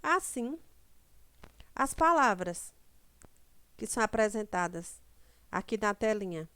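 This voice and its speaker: A woman teaching a Portuguese grammar lesson, speaking slowly and checking in often with her students. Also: mid-range voice, big pitch swings, fairly bright tone, clear, resonant tone, dry recording. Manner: slow didactic, stretches example words, frequent "certo?" checks.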